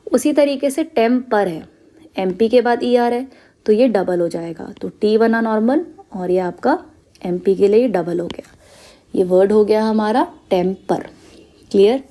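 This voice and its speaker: Her voice is mellow and mid-range, her pace measured, as she teaches a stenography lesson step by step. Patiently explaining every shorthand rule and mixing in English terms, she frequently checks on her students with "clear?" and "okay".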